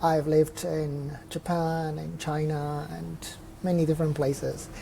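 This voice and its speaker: A man's voice: a little high, little pitch movement, takes it slowly, gravelly, dark tone, a little hiss or hum. A young man from Mexico, a trail runner guest in a casual interview, talking openly and reflectively with restarts as he thinks. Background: faint chatter of people nearby.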